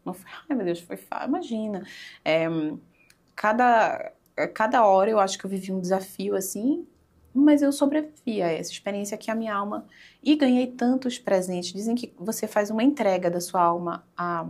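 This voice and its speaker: A woman's voice: medium pitch, a little mellow. A woman speaking as a podcast guest, telling an emotional spiritual story in casual conversation, with many fillers.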